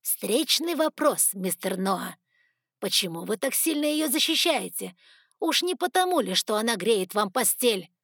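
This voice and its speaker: A stubborn, suspicious doctor, as a woman reads him snaps back in a storybook audiobook. The voice is mid-pitched, the recording dry. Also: very animated, unhurried, a bit bright, breathy edge, dry recording, heavily acted. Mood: hostile.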